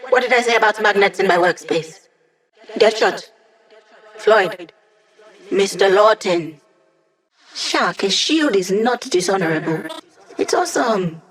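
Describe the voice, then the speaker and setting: A woman's voice: mid-range voice, animated, measured pace, pauses often, a bit bright. A woman playing a quirky, upbeat young female AI hacker in a video game, with a playful, wry, conversational delivery. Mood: wry, brisk. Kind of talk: scripted video game character dialogue.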